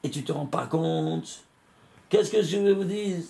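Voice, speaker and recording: Rabbi guy teaching torah, highish gravelly voice, keeps asking the room questions, yells sometimes. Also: a little slow. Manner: animated, questioning the audience, bursts of shouting. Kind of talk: Torah lesson.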